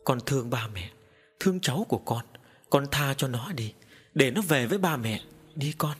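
A man's voice: medium pitch, lively intonation, normal speed, slightly rough. A man voicing an older village mother who pleads in a tearful, earnest way. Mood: grieving.

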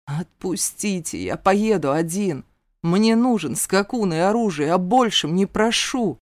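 A woman's voice: sits low, animated, takes it slowly, dark tone, no echo, clean studio sound, exaggerated voice. A woman reading an audiobook voices a stubborn, hot-headed young male warrior who speaks with desperate defiance. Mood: defiant.

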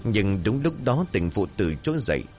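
A man narrating a horror story in a dramatic, expressive way. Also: fairly low pitch, moderate pace, faint music behind.

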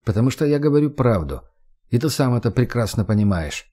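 A guy doing a cool confident young dude, flat and sure of himself. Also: medium pitch, brisk. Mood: calm persuasive. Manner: calm, blunt, matter-of-fact. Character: cool, self-assured young man, blunt and persuasive.

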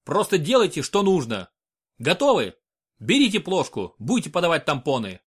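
A man's voice: on the high side, huge pitch swings, moderate pace, slightly rough, voice pushed up, exaggerated voice. A man voicing a huge, stern male doctor who barks curt orders. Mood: commanding.

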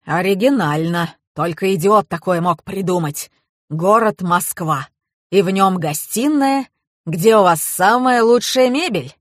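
Lady reading as a fussy fat colonel, grumbly and condescending, slow and dry, audiobook. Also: medium pitch, no room sound, natural voice. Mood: exasperated. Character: fussy portly male police colonel, exasperated.

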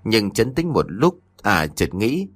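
A male narrator reads a horror audiobook with dramatic storytelling. His voice sits on the lower side, yet his pitch moves in lively swings to build dread. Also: slow, slightly rough, no room sound.

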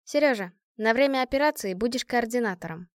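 A woman's voice: on the high side, animated, brisk, no room sound, studio quality, lightly acted. A woman voicing a confident young team commander who gives orders decisively and likes to show off a little. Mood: thoughtful. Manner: decisive, a bit boastful.

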